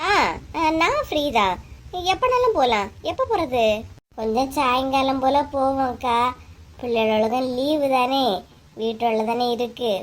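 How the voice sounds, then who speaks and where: A woman with a Kanyakumari Tamil accent, her voice sitting high but close to everyday speech, does cartoon voice acting. She plays chatty, gossiping village neighbor women, teasing one another in rapid back-and-forth.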